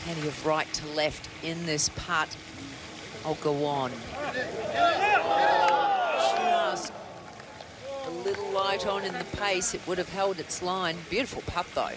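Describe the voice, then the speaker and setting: A man's voice: fairly high pitch, steady tone, moderate pace. A man working as a golf commentator, giving live commentary on play. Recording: noisy outdoor broadcast.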